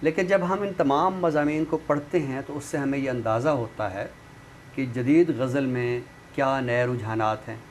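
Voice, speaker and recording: Measured and formal, a male guest expert with a mid-pitched voice gives literary commentary. Alongside a book review he recites some poetry, and the audio carries obvious background noise.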